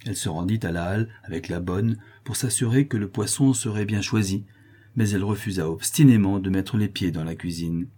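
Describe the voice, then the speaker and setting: Low, husky man narrating a novel. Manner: measured, expressive reading. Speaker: audiobook narrator.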